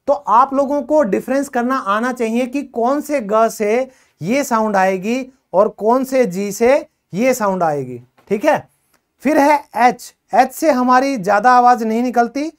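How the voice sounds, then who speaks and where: Slow, patient woman teacher. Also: fairly high pitch. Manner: patient, drills words aloud and coaxes students to answer. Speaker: school teacher. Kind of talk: classroom English lesson.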